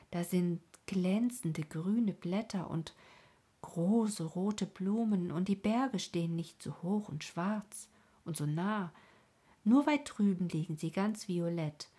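A woman voicing a dreamy, wistful young boy in a storybook reading, speaking softly and thoughtfully. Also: lowish voice, husky. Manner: soft, longing, thoughtful.

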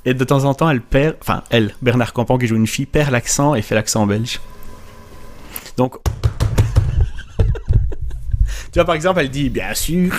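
A man with a mid-pitched voice recounts a show in casual chat. He rambles, restarting sentences and hesitating often as he goes. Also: moderate pace, long pauses, slight background noise. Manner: rambling storyteller, many fillers and restarts.

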